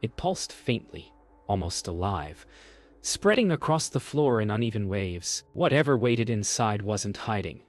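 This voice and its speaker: A man reads a scripted first-person horror story as narrator, with measured, deliberate phrasing. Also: on the low side, very animated.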